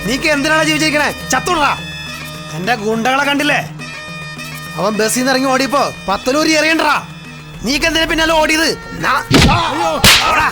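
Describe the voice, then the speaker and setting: A man's voice: very high voice, normal speed, pauses often. An actor dubbing a menacing gang boss who taunts his victims. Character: menacing middle-aged male gang boss. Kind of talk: Malayalam film dub. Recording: film soundtrack with loud music.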